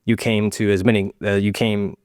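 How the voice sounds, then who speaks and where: A man's voice: on the low side, little pitch movement, normal speed, a little mellow, smooth, dry recording, studio quality. A man hosting a podcast as the coach, talking casually and upbeat, often saying "dude" and restarting his sentences. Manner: upbeat, says "dude" a lot, many restarts. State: winded after a workout. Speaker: podcast host and gym coach.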